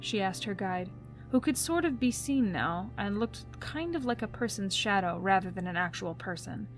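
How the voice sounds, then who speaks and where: Soft-spoken woman reading a story. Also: medium pitch, animated, faint music behind. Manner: soft, gentle, unhurried. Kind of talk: storybook narration.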